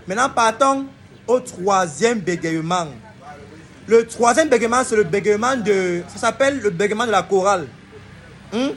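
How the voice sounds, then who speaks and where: A man's voice: high voice, a bit bright, slight background noise. A man hosting a casual comedy video, playfully explaining things and acting out every example himself. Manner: playful, acts out examples with stuttering.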